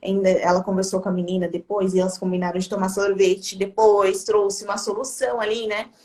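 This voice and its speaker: A Brazilian woman who works at a school, hosting a casual chat and telling a story in a relaxed way. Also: medium pitch, brisk. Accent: Brazilian Portuguese. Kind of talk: casual conversation.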